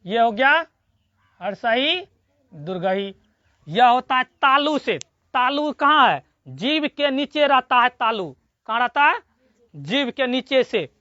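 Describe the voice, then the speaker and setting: A teacher giving a classroom grammar lesson, drilling students with repeated questions and slowly sounding out syllables. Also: high-pitched, very animated, bright, forceful tone, no echo. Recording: dull lo-fi recording.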